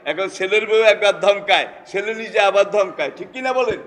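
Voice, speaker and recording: A Bangladeshi man delivers a Friday sermon in a Bengali accent, his voice sitting high for a man. He keeps turning to the congregation with rhetorical questions. A long reverb trails each phrase through the hall. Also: a little fast, fairly bright tone. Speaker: preacher.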